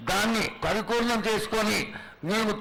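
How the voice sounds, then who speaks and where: High, bright-voiced man in reverent address. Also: steady tone, normal speed, vocal fry. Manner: reverent, ornate, pleading. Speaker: priest questioning the oracle. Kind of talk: formal devotional address. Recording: noisy live event sound.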